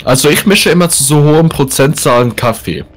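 Casting: playful young male gamer, fairly high voice, very lively pitch, repeats himself, chatting casually. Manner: playful, repeats words rapidly in exclamation. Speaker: gamer playing online with friends. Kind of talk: casual gaming chat with friends. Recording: music behind the voice.

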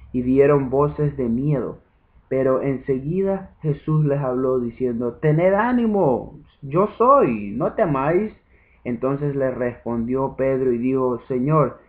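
Man reading bible chapter, slow and careful, tinny phone sound. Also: medium pitch. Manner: slow, measured reading with verse numbers. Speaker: scripture reader.

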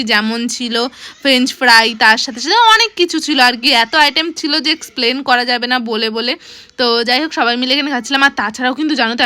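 A woman vlogger narrating a family restaurant outing in a chatty, lively voice-over. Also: high-pitched.

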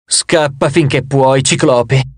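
A man voicing a sad, hopeless male giant with a hundred hands who whimpers slowly in despair. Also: medium pitch, no room sound, lightly acted.

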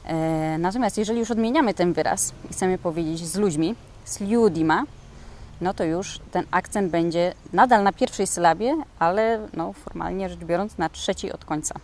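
A woman's voice: lowish voice, normal speed, hardly any pauses, a little mellow, slight background noise. A woman from Poland teaching a casual spoken language lesson, talking hesitantly with many filler sounds.

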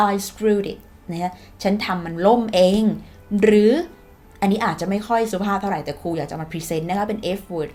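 A woman's voice: mid-range voice, darkish tone. Woman, Thai accent, native Thai speaker, English teacher, casual video lesson, chatty, playful. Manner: chatty, playful, acts out sample dialogues.

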